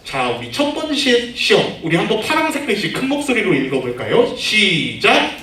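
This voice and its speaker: A man's voice: high voice, wildly swooping pitch, brisk, a bit bright. A man, a junior pastor, giving a children's sermon, asking the children questions and leading them in reading aloud. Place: church room. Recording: echoey room, far from the mic, faint noise.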